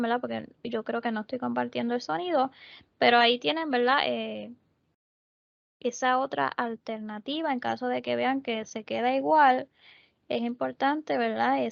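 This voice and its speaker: Slow, gravelly Puerto Rican woman tutor. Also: fairly high pitch, dry recording, muffled recording. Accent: Puerto Rican Spanish. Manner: patient, explains step by step, keeps checking with "¿verdad?". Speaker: English tutor. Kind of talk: online tutoring lesson.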